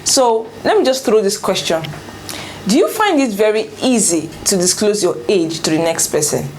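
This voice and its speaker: A woman's voice: medium pitch, lively intonation, moderate pace, darkish tone, a little hiss or hum. A woman hosting a casual discussion show, leading the talk with questions. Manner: leads with questions. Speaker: host. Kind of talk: casual panel chat.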